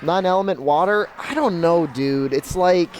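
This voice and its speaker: A man's voice: a little high, normal speed. A man chats as he streams a game. He is informal and laid-back, fielding questions off the cuff, with some noise behind him. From Mexico or of Mexican descent. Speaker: live streamer. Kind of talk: casual gaming stream commentary, answering chat.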